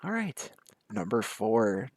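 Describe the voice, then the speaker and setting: A young man talking casually to the camera, telling funny stories with quick asides and frequent laughs. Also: lowish voice, big pitch swings, dry recording. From American South. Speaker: vlogger.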